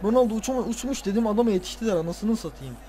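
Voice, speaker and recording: A tired man playing a football video game, casually commenting, swearing and ranting at the players with excitable outbursts. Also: high-pitched, rapid-fire. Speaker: gaming video creator.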